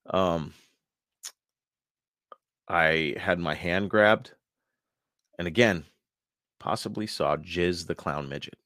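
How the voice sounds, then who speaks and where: A man's voice: low-pitched, slow pace, long pauses, fairly bright tone, dry recording, clean studio sound. A male podcast host who reads his own written account aloud and then chats casually, wry and sarcastic, laughing often.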